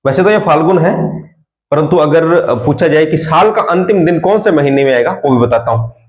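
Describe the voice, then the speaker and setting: A young man teaching an exam coaching lesson, lively, repeating terms for students to memorize. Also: a little high, normal speed, muffled recording. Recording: echoey room.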